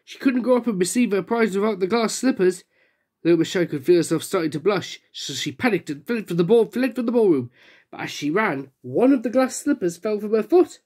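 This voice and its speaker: Lively woman reading a children's book. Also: medium pitch, fairly quick. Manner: expressive, voicing characters. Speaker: storyteller.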